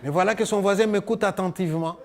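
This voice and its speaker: A man from Congo speaks in a slightly high voice. He tells a theatrical story on stage in a lively way, acting out each scene and putting questions to the audience. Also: fast talker, some chatter behind. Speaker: stage performer. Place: theatre hall before an audience.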